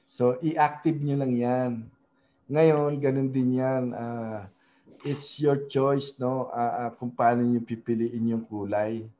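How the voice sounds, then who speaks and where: A man leads a relaxed screen-share tutorial, pausing often and checking in with tag questions. His voice is mellow and dark. The audio is dull and lo-fi. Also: mid-range voice. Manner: hesitant, many fillers, frequent tag questions. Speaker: web design tutorial host. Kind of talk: casual screen-share tutorial in mixed Tagalog and English.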